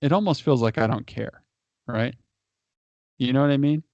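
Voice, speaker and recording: A man's voice: medium pitch, moderate pace, a little mellow, no echo. A married man, a guest, giving casual advice in a long explanation, often restarting and repeating his words. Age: adult, married. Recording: dry, dull lo-fi audio.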